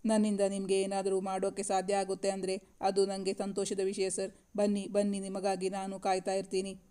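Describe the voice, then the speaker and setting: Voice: mid-range voice, completely flat delivery, moderate pace, warm tone, clear, resonant tone, close to an everyday voice. A narrator reading the lines of a young man who respectfully reports to his boss in an audiobook novel. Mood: deferential. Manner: deferential, calls the listener sir.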